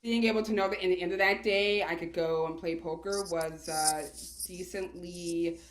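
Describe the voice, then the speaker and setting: A woman's voice: on the low side, steady tone, moderate pace. A woman, talking casually and chattily as a guest in an interview. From Queens, New York, United States. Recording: roomy, echoey sound.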